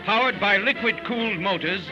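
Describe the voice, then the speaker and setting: A man narrating a 1940s newsreel in a brisk, punchy announcer style, with the sound of an old newsreel. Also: sits high. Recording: dull old newsreel recording with music. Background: loud music.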